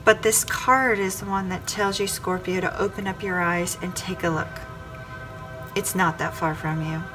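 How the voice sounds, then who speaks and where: On a rough recording with clear music underneath, a tarot reader speaks at a moderate pace in a lowish, steady voice. Her weekly reading addresses the viewer directly by star sign and keeps circling back over the same phrases.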